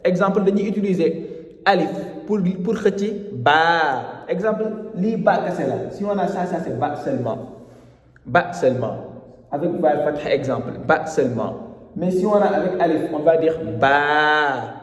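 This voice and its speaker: A man's voice: on the high side, moderate pace, darkish tone. A man teaching how to read Arabic letters and vowels, switching between French and Wolof and patiently repeating each step. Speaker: Quran reading teacher. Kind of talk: explanatory lesson mixing French and Wolof. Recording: echoey room with long reverb.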